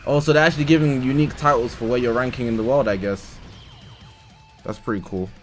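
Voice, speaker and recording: Male streamer, mid-pitched, tired and chatty, reads patch notes and reacts, soft music behind. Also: steady tone, fast talker. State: tired, yawning. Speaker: livestreamer. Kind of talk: casual live-stream commentary.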